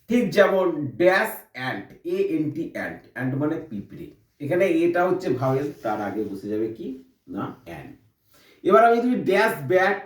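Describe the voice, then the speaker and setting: A man's voice: a little high, reverberant, recorded from a distance. A man teaching an English grammar lesson, explaining step by step and asking and answering his own questions.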